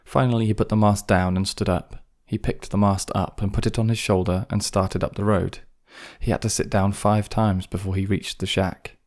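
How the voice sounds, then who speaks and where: Deep, steady male audiobook narrator. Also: moderate pace, hardly any pauses. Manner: calm, even reading. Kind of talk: scripted narration.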